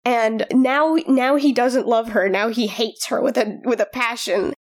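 A woman's voice: fairly high pitch, steady tone, measured pace. A woman co-hosting a podcast in casual chat, rambling along with many fillers and restarts. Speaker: podcast co-host.

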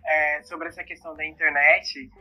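A Brazilian woman in a podcast chat speaks with indignation about what she criticizes. Her voice is husky yet bright and tense, with faint music underneath. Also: sits low, little pitch movement, normal speed, rough recording. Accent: Brazilian Portuguese.

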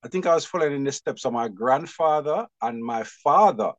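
A man with a Jamaican accent, chatting as an interview guest, lively and quick to laugh. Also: medium pitch, dry recording, highs cut off. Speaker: guest, publisher. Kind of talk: casual interview chat.

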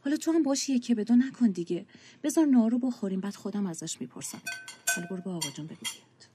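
A woman's voice: a little high, animated, dark tone, slight background noise, lightly acted. A woman playing a caring mother who coaxes and soothes her family, in a comic radio play. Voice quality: husky, coaxing and affectionate. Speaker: mother in family audio drama.

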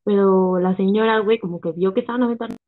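A young woman with a Mexican Spanish accent talks quickly in a mid-range voice, sounding tinny as if over a phone. As a co-host in casual chat, she tells animated stories packed with slang and swearing.

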